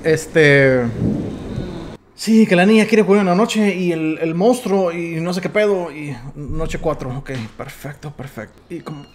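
Excitable Mexican gamer with a slightly high voice. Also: male voice, measured pace. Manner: excitable, swears freely, stammers when telling stories. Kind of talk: casual let's play commentary.

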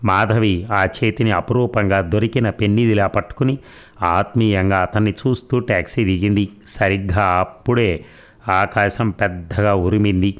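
A man narrating a romance novel in a steady storytelling manner. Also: on the low side, moderate pace. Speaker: audiobook narrator. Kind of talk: novel reading.

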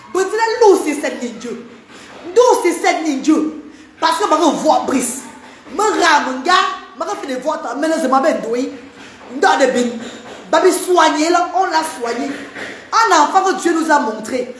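A woman's voice: sits high, reverberant, a little hiss or hum. A Cameroonian woman with a Cameroonian French accent, live-streaming to her viewers, emphatic and repetitive as she scolds and banters with them.

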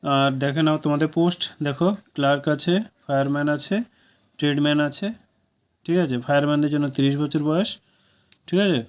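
This job news presenter has a fairly high, clean-toned voice with fairly even intonation, and he speaks fairly quickly in a Bengali accent. Going through a vacancy notice informally, he checks in often with "okay?". The recording sounds dull and lo-fi.

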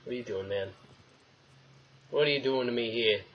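A young adult man hosts a gaming video from a room at home, giving casual let's play commentary full of swearing as he grumbles to himself and talks to the game. His voice is mid-range with a breathy edge, and his pace is moderate. The audio sounds dull, with video game noise behind him.

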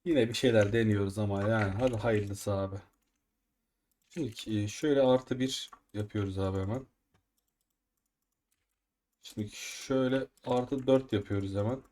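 A man casually commenting on his own gameplay as a gaming video host, excitable and quick to get frustrated. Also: fairly low pitch. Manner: excitable, frustrated outbursts while upgrading items. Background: keyboard typing and mouse clicks.

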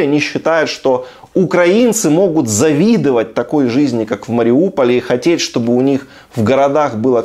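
A man from Ukraine comments on clips in a sardonic, incredulous way. His voice sits fairly high and swings widely in pitch. It sounds like a video blogger talking at home. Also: darkish tone. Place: room at home.

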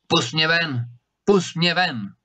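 A man's voice: medium pitch, a bit bright, lightly acted. A man voicing a huge menacing male spirit trapped in a bottle, who thunders threats and wails pleas in a storybook reading. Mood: pleading. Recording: slightly dull recording.

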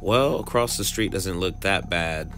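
This thirties-aged vlogger, a California transplant since 2005, speaks in a low, animated voice at a measured pace. Filming on his phone outdoors on city streets and in a car, he offers casual observational commentary over background music, musing aloud, repeating himself, and posing rhetorical questions.

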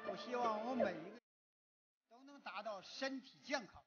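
A man with a Northeastern Mandarin accent gives a moral lecture in a lecture hall, telling stories in a folksy, animated way with many "是吧" asides. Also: very high-pitched, fairly quick, dull audio. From Northeast China. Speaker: public lecturer. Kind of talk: moral lecture told through anecdotes. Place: lecture hall at a public forum.

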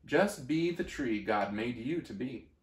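A man voicing a loving, steady mother oak tree who speaks softly and reassuringly. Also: medium pitch, unhurried, echoey room, distant mic, close to an everyday voice. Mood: tender. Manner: soft, reassuring.

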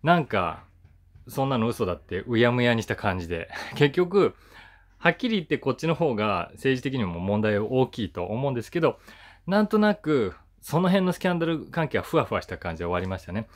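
A voice actor in his forties hosts his own talk channel, chatting casually to camera in a musing, conversational way. His medium-pitched voice is sing-song and a little fast, and he stresses the starts of his sentences.

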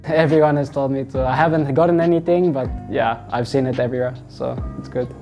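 A young man from Australia, a football player answering interview questions in a relaxed, halting way with many fillers. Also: medium pitch, gravelly. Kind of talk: sit-down interview. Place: indoors in front of a wall of football boots. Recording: music playing underneath.

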